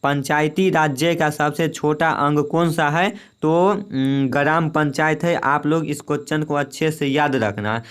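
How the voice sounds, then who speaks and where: Young male tutor, clear and slightly high, patient and repetitive, reading multiple-choice questions. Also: a little slow, hardly any pauses. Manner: repetitive, drilling each answer with "remember it well". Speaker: exam-prep teacher. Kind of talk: quiz lesson reading questions and options.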